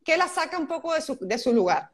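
A woman's voice: high voice, sing-song, fast. A woman hosting a live video interview, chatty, blunt and joking as she asks questions. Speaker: host. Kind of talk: casual live-stream interview.

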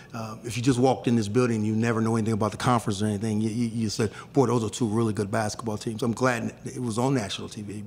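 A man's voice: medium pitch, vocal fry, darkish tone, a little hiss or hum. A middle-aged man, a head basketball coach, talking candidly and emphatically at a postgame press conference, often restarting his sentences, into a table mic in a press room. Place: press room in front of a sponsor backdrop.

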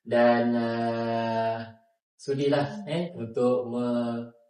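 A man's voice: medium pitch, level tone, extremely slow, a little mellow. A middle-aged man with a Malaysian Malay accent who tells a story in a casual interview at home, hesitating often and laughing as he talks. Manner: hesitant, many fillers, laughs while telling stories. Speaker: district scout commissioner and religious teacher. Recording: echoey room, recorded from a distance.

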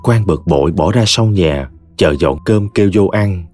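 A man with a Southern Vietnamese accent narrating a story in a measured storytelling manner. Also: low voice, over music. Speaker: audiobook narrator.

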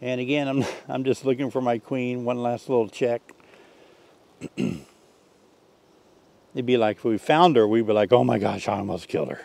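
Older male beekeeping teacher, folksy, thinks aloud, mid-pitched, outdoor demo with bees buzzing. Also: normal speed, creaky, pauses often. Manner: relaxed, folksy, thinks aloud while working. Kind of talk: hands-on outdoor demonstration. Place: outdoors in an orchard beside beehives.

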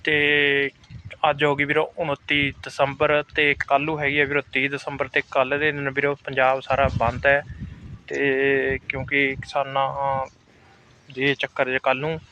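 A man's voice: medium pitch, completely flat delivery, moderate pace, sharp tone. A man with a Punjabi accent talking casually to viewers in an outdoor farm vlog, repeating himself as he explains. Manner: repetitive, addresses viewers as brothers. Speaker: farmer vlogger. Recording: outdoor recording with clear background noise.

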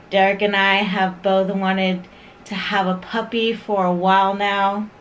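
A woman's voice: fairly high pitch, fairly bright tone, slight background noise. A young woman chatting casually to camera, sometimes cooing at her dog in a sing-song voice. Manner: chatty, with baby-talk to the dog. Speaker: vlogger introducing her new puppy.

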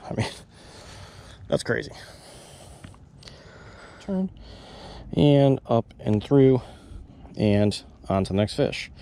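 A man's voice: medium pitch, drawn-out words, creaky, pauses often. A young man narrating casually while he fishes, chatting to the fish and to his viewers, recorded outdoors on a head-mounted camera. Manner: excitable, talks to the fish and viewers. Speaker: fishing vlogger. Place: outdoors at a pond bank. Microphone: head-mounted action camera. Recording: outdoor camera mic with nature noise.

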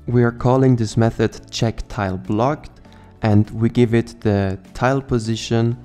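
A man walks viewers through a coding tutorial at an even, methodical pace. His voice sits low and mellow. Faint music plays quietly behind the narration. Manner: calm, methodical step-by-step explaining. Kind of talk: scripted screencast narration.

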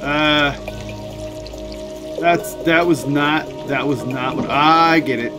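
A man hosting a gaming channel, giving excitable playthrough commentary and yelling at enemies on screen. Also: fairly high pitch, slow. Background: game music.

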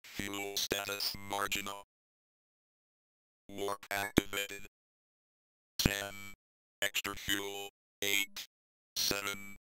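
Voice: deep voice, very slow, pauses often, over music, low-quality recording. A synthesized robotic voice acting as a spaceship computer, announcing alerts in clipped, evenly spaced words. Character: flat computerized spaceship warning voice. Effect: robotic speech-chip voice, stiff and monotone. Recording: old arcade audio with steady hum.

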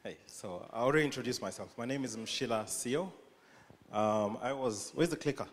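A man's voice: mid-range voice, moderate pace, a little hiss or hum. Kenyan man speaking in a reverberant hall. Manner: humorous, self-deprecating, with frequent restarts. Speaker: conference speaker. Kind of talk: live conference talk. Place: large dark auditorium stage. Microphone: handheld mic.

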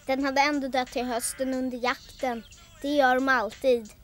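A woman's voice: high voice, fairly even intonation, soft background music, close to an everyday voice. An actress playing a blunt, pleading young girl, the daughter of a policeman. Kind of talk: film drama acting.

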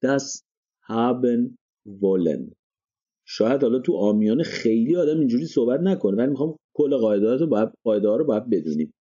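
Explaining grammar one step at a time, this male language teacher keeps checking comprehension by asking rhetorical questions. He has a mellow, medium-pitched voice with a breathy edge, and the sound is lo-fi.

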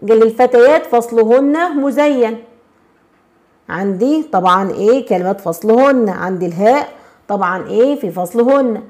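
Egyptian woman teacher, bright higher register, walks students through grammar with constant check-ins. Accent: Egyptian Arabic. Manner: checks in constantly and prompts with questions; slows and stresses words when reading examples. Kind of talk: explaining a grammar lesson.

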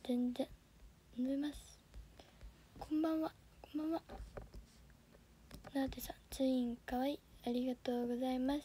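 A teenage girl with a Kansai accent chats politely on a phone-camera livestream, her voice fairly high yet mellow and dark in tone. She talks softly and often drifts into a half-whisper. A faint hiss of noise sits under her voice. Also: level tone, normal speed, pauses often. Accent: Kansai Japanese. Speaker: audition livestreamer. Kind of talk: casual livestream chat reading viewer comments.

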